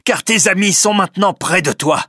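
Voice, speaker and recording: Loving worried father in a storybook, read by a man, loud and pitched up. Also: moderate pace, breathy edge, no room sound, studio quality, heavily acted. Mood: emotional.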